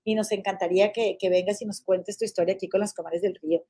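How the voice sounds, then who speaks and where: A woman's voice: medium pitch, fast talker, slightly rough. A woman hosting a casual live podcast, chatting affectionately with her viewers, full of diminutives and "comadre". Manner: frequent fillers and restarts, animated swings in loudness. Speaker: live-stream podcast host. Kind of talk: casual live chat reading viewer comments.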